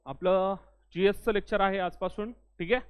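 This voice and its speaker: A man's voice: high voice, steady tone, normal speed, clean tone. A young man teaching a classroom lecture in a friendly way, often saying "ठीक आहे" and urging students to speak up. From Maharashtra. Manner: loudly urges students to speak up. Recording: tinny phone-like recording.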